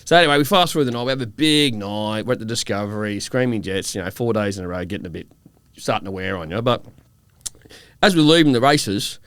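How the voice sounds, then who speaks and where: A man in his thirties with an Australian accent, co-hosting a casual pub-style podcast and telling animated yarns. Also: fairly low pitch, quick pace, clear, resonant tone, no echo. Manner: animated storyteller, acts out mates' voices. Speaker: podcast co-host.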